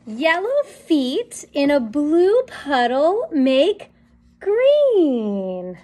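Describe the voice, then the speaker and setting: In a small classroom or playroom, a thirtysomething woman leads story time, animatedly reading a picture book to young kids. She speaks slowly in a high, very expressive sing-song voice, encouraging them and leaving pauses after her questions.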